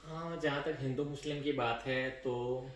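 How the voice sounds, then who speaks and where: A man's voice: medium pitch, steady tone, moderate pace. A Rajasthani man chatting casually in a couple vlog, earnest and plain as he recalls things step by step. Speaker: vlogger, co-host with wife. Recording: echoey room, faint background noise.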